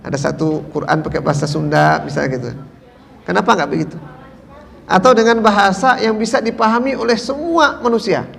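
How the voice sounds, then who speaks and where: A man's voice: high-pitched, a little fast, vocal fry, a bit bright. A man preaching to a mosque audience, asking questions and answering them himself, with many tag fillers. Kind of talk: mosque lecture. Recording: long hall reverb.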